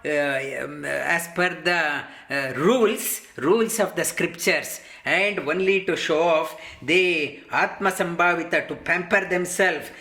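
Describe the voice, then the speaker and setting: A man leads a scripture class, reciting each Sanskrit line and then unpacking it in plain, halting with fillers and restarts. His voice sits high and sounds bright and forward. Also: echoey room. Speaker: yoga teacher. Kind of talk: verse-by-verse scripture lesson.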